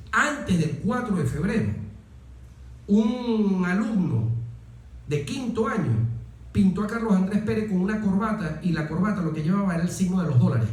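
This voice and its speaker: The voice is high with a darkish tone, belonging to a middle-aged Venezuelan ex-military aide being interviewed. Sitting distant from the microphone in an echoey space, he narrates conversationally, repeating words for emphasis and tossing in brief tag questions.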